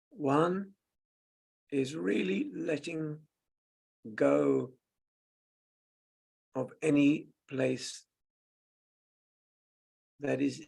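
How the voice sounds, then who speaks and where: A meditation teacher guides a meditation very slowly, in a fairly high but heavily gravelly, husky voice full of vocal fry. His gentle instructions come in short, halting phrases separated by long pauses.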